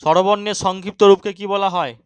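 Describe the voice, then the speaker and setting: A young man teaching an exam-prep grammar lesson, often checking that students follow and urging them to answer quickly. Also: sits high, steady tone, smooth, no echo. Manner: keeps checking understanding, urges quick answers.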